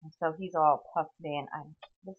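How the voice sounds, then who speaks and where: Sardonic female podcaster, low voice, tinny phone-like recording, rambling monologue. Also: steady tone, normal speed, breathy edge. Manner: tangential, sardonic, frequent "okay?" asides. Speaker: podcast host. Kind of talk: rambling solo storytelling.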